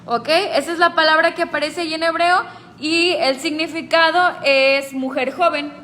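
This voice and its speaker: A woman's voice: high-pitched, fairly even intonation, normal speed, sharp tone, big-room sound. A woman leading a group Bible study, explaining patiently and asking the group questions.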